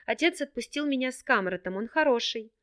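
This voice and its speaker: Female reader voicing a naive, tearful young girl; breathless, pleading, higher register. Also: animated, a little fast, a bit bright.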